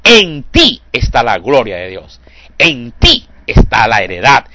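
Give me an older man preaching a fervent sermon, mid-pitched and dry. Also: wildly swooping pitch, takes it slowly, dry recording. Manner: fervent, repeats "hermanos santos" with a soft drop at phrase ends; stumbles and repeats words when moved.

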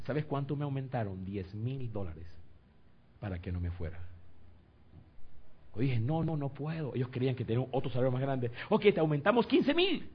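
A man preaching a sermon with personal testimony, shifting from calm talk to loud, high-pitched exclamations and pleading directly with his listeners. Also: breathy edge. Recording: slightly dull sound with faint background noise.

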